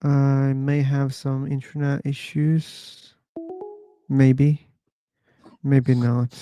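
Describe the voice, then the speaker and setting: Slow, mellow-voiced livestream host man. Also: medium pitch, little pitch movement, soft background music. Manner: slow, musing, thinking aloud. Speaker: host of an online discussion livestream. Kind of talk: casual livestream chat.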